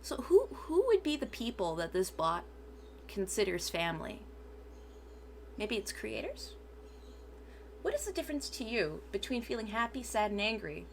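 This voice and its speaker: A woman's voice: fairly high pitch, slight background noise. A woman VTuber reading a transcript aloud for her stream, sometimes stumbling over words and correcting herself.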